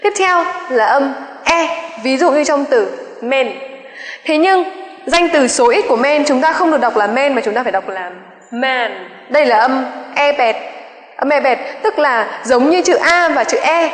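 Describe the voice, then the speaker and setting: A woman with a high voice teaches pronunciation at an unhurried pace. She says each example twice and checks in with the class through polite questions. The sound is roomy, with a long reverb trailing each phrase. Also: animated. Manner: slow, careful, repeats each example word twice. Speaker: English teacher. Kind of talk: exam-prep pronunciation lecture. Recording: echoey room with long reverb.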